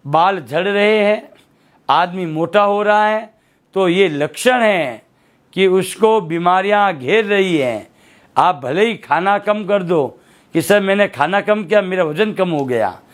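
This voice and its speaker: A man teaching a Hindi spelling lesson for exam students, often asking a question and answering it himself. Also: high voice. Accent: Rajasthani Hindi. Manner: asks questions and answers them himself, repeats words slowly. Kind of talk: classroom lesson, quizzing the viewer.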